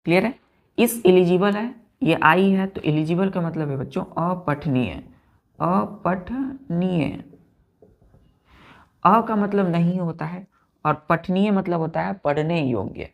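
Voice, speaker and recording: A woman's voice: fairly low pitch, normal speed. A woman teacher giving an exam-prep vocabulary lesson, spelling words letter by letter and often checking that students follow.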